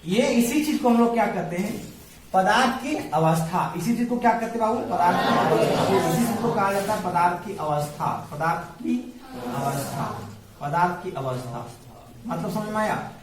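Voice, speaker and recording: Man, teacher, call-and-response classroom drill, high voice, echoey classroom, noisy. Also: expressive, moderate pace. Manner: drills students with repeated questions and call-and-response; calls students "babu" affectionately. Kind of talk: classroom science lesson. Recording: echoey room, voice far from mic, background noise.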